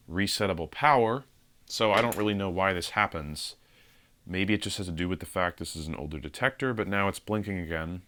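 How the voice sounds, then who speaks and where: A man's voice: sits low, sharp tone, clear, resonant tone. A man narrating an equipment demonstration, explaining each step in a matter-of-fact, methodical way. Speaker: fire alarm system demonstrator.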